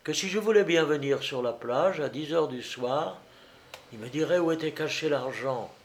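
A man's voice: a little high, lively intonation, moderate pace. Guy reading as a young woman full of regret, pleading, upset. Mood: remorseful.

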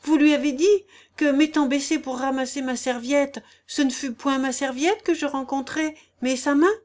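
A coy, flustered noblewoman from a storybook, piling up breathless, insistent questions, as a woman reader plays her. Her voice rises high and bright. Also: normal speed, natural voice.

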